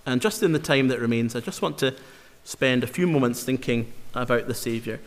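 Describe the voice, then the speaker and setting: A man preaching a sermon in an earnest, emphatic way, slowing down to repeat key phrases for weight. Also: mid-range voice. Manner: earnest, emphatic, with slow dramatic repetitions. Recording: long hall reverb.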